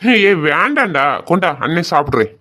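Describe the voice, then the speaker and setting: Performer playing a caring older brother, soft, reassuring, affectionate, mid-pitched voice, amateur audio drama. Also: big pitch swings, fairly quick. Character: caring older brother who looks after his sisters.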